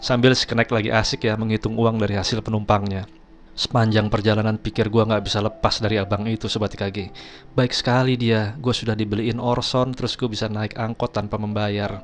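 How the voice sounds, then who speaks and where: A man's voice: on the low side, level tone, brisk, soft background music. A man casually telling a personal story, chatty, keeps addressing his viewers. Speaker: storyteller host.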